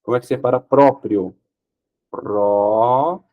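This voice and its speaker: This husky, mid-range male voice comes through lo-fi sound at normal speed. The Brazilian teacher walks through Portuguese grammar for an exam step by step, answering his own questions and often asking "ok?".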